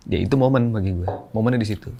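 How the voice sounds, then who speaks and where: A man's voice: on the low side, fast talker, gravelly, dull audio. A young man, a podcast guest, telling a candid, emotional personal story in slangy casual speech.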